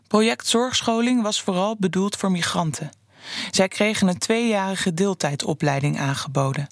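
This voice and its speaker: A narrator reading a scripted fiction story in a measured, even storytelling manner. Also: mid-range voice, no echo, clean studio sound.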